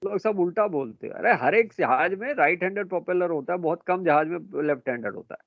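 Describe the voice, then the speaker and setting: A man's voice: high-pitched, lively intonation, a little fast, vocal fry, no echo. A middle-aged man, lecturing a class and quizzing his students, calling them beta and bhai. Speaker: marine engineering teacher. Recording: dry tinny phone-like classroom recording.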